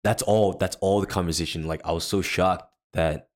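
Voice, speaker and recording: This deep-voiced worship leader and podcast co-host rambles through a personal anecdote in relaxed chat, full of fillers and false starts. His intonation stays fairly even, and he speaks at a moderate pace.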